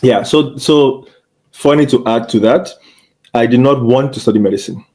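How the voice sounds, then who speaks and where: A man's voice: medium pitch, normal speed, warm tone. A young man from Cameroon, a medical doctor, telling his story in an earnest, reflective way as an interview guest. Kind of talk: casual interview chat.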